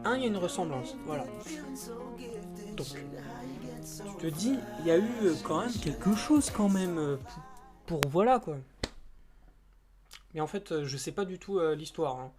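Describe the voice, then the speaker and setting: A man's voice: fairly high pitch, lively intonation, a little slow, long pauses, over music. A man chatting casually to camera as a YouTuber. He rambles and hesitates, with many fillers and restarts, in informal, slightly crude speech.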